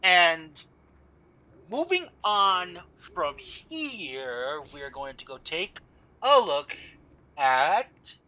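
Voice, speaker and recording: Tired gamer guy, high voice, really sharp bright tone, rambles and fixes his words a lot. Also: very animated, extremely slow, poor audio. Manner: rambling, often stops to correct himself. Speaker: gamer explaining a game class. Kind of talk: casual game guide voice-over.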